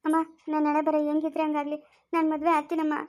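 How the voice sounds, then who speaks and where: A woman's voice: high-pitched, completely flat delivery, fast, darkish tone, no room sound, natural voice. A woman playing an earnest, self-sacrificing poor young daughter in an amateur family drama, speaking rural Chikkaballapur Kannada. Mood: resigned. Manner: earnest, resigned.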